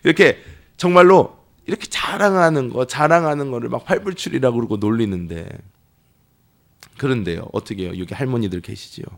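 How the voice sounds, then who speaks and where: A pastor preaching a sermon in a church, telling stories with lively, acted-out voices. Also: male voice, medium pitch, brisk, gravelly. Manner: lively storytelling that acts out quoted people. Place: church sanctuary.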